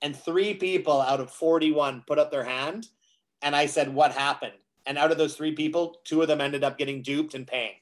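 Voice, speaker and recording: A man with a slightly high voice tells long anecdotes in relaxed conversation. He slips in quoted dialogue as he goes and leans on ums and uhs between thoughts. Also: normal speed. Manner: storytelling, acts out quoted dialogue with many fillers. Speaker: guest speaker on cybersecurity. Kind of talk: casual conversation on a live show.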